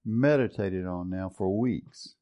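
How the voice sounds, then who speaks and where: Here a man with a low, dark voice teaches a Bible study, taking his time. He reads from scripture and weighs one translation against another in an earnest, reflective manner, frequently repeating words as he hunts for the phrase.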